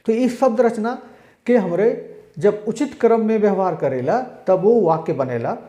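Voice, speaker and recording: A man giving a recorded exam-prep language lecture, explaining slowly and acting out spoken examples. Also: sits high, animated, mellow, roomy sound. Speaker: language teacher.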